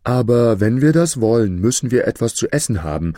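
A brash storybook hunter speaks boldly and briskly, a touch louder than the narrator who voices him. His pitch rises and falls with lively swings. The sound is dry. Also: dry recording, natural voice. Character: brash adult male hunter.

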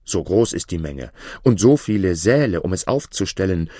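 A man reading a fairy tale aloud and voicing a loyal, clever servant who speaks in a measured, persuasive way. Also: sits low, lively intonation, dark tone, no echo, clean studio sound.

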